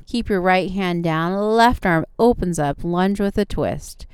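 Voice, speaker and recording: A woman's voice: fairly low pitch, unhurried, clean tone, no room sound, studio quality. A woman teaching a guided yoga class as an instructor, giving short, encouraging step-by-step cues. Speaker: yoga instructor and show host.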